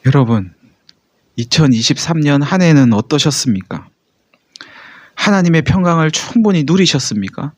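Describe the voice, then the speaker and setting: A man's voice: on the high side, lively intonation, normal speed, pauses often, dry recording. A man, a pastor, preaching a sermon in a conversational way, with many rhetorical questions to the congregation.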